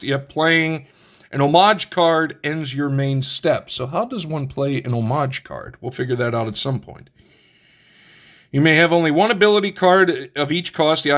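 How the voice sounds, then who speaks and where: Male host, slightly high pitch, relaxed chatty card-game commentary. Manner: thinks aloud while reading rules, with many restarts and asides. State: has the hiccups. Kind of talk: casual unboxing commentary.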